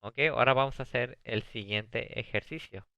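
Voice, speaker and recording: A man teaching an ESL video lesson, reading English example sentences slowly and explaining them in Spanish. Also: mid-range voice, fairly even intonation, gravelly, sharp tone, no room sound. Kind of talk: recorded video lesson on comparative adjectives. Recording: dull, dry lo-fi sound.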